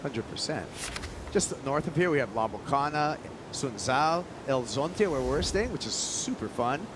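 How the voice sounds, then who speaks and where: A man's voice: medium pitch, animated, a little slow, background noise. A man calling a live surf contest as an announcer, in a laid-back surfer manner with plenty of surf slang. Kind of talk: live sports commentary.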